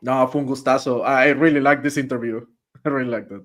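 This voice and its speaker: A man's voice: medium pitch, steady tone, moderate pace, fairly bright tone. Casual male interpreter on a video call. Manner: friendly, casual, filler words like "like" and "uh".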